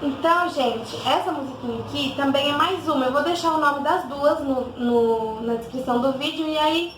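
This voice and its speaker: A woman, a literacy teacher, patiently sounding out letters slowly and clearly in an instructional video for parents. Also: high voice, background noise.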